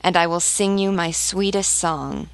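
A woman reading the part of a devoted female nightingale from a storybook, slow and earnest. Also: lowish voice, gravelly, no room sound, low-quality recording. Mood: pleading.

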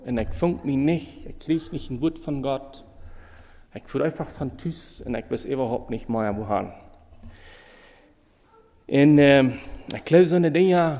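A man preaching a sermon in with a Low tinge, halting and emotional, repeating phrases as he goes. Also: dark tone, long reverb tail.

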